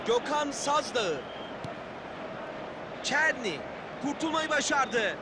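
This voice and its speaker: A man calling a football match play by play, raising his voice to shouts on attacks and goals. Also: extremely high pitch, expressive, slow, exaggerated voice. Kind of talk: excited match commentary. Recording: loud stadium crowd noise over commentary. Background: roaring stadium crowd.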